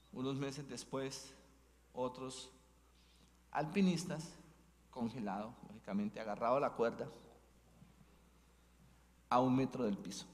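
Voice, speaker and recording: A man delivers a sermon as a bishop, his voice sitting at an ordinary middle pitch. He preaches in a storytelling way and often checks in with the congregation through tag questions. His words hang in a long church reverb. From Colombia. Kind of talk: Advent mission sermon.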